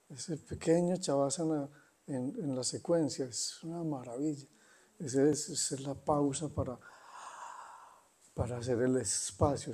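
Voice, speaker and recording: A man giving an unhurried spiritual talk, conversational and pausing often. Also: a little high, dark tone, husky. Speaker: spiritual teacher. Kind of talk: satsang talk.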